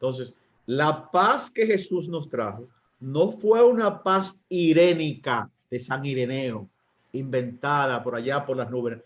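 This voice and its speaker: A Dominican man, a priest, teaching couples in a talk, often pausing with fillers and asking his listeners rhetorical questions. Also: mid-range voice, dull audio. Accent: Dominican Spanish. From Dominican Republic. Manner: asks the audience rhetorical questions, hesitates with fillers.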